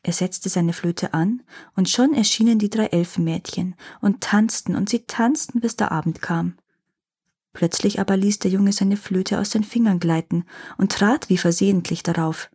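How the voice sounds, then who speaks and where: A woman reads a fairy tale in a calm, unhurried storytelling voice. Her tone is mellow and soft, with a slightly husky grain. She gives the characters' lines a light touch of acting. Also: mid-range voice. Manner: calm, gently acted dialogue.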